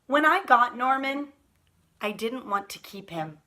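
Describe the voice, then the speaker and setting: A woman voicing a reluctant, grumbling little boy in a picture book, with emphatic, drawn-out storybook delivery. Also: fairly high pitch, expressive, bright, forceful tone. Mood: disappointed, emphatic.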